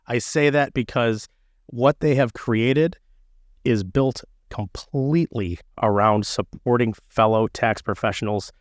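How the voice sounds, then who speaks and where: A man's voice: medium pitch, unhurried, no room sound, studio quality. A man hosting a podcast, joking and playful in casual chat. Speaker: podcast host.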